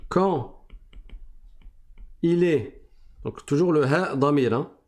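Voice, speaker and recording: A man gives a recitation lesson at an unhurried, careful pace. His voice sits a little high for a man. He explains patiently and repeats each rule so the class can follow. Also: a little mellow. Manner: slow, deliberate explaining, repeats rules. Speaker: Quran recitation teacher.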